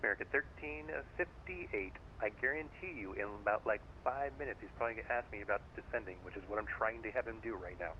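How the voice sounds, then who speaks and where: A man working as an air traffic controller, giving rapid, clipped instructions in radio phraseology. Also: on the low side, highs cut off.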